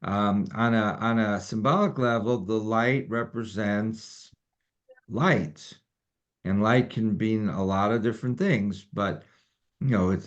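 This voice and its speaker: Low guy teaching a study group, loose and chatty, lots of um and you know, muffled lo-fi sound. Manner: relaxed, rambling with many fillers. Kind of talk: informal teaching talk. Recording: dull lo-fi recording.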